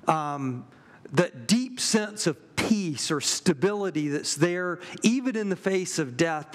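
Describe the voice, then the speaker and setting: A middle-aged man preaching a sermon, earnest and measured, pausing and restarting now and then. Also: on the high side. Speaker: pastor.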